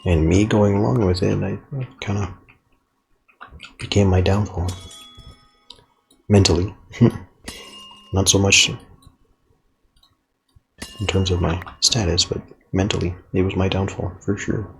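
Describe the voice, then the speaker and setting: Low gravelly-voiced young man rambling. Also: flat delivery, takes it slowly, pauses often, a little hiss or hum. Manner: rambling, reflective, with casual swearing. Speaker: video journal creator. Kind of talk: unedited video journal while playing a game.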